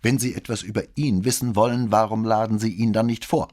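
A man's voice: lowish voice, huge pitch swings, normal speed, husky, voice pushed up, exaggerated voice. A man voicing an arrogant young male military cadet, haughty and curt, in an audiobook reading.

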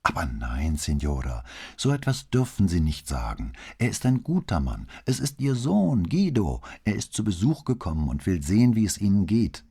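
Soothing young nun, raised and lilting, a man doing her, a touch husky. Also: sits low, sing-song, moderate pace, voice pushed up, heavily acted. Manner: loud, clear and soothing. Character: young nun, gentle, patient and devout.

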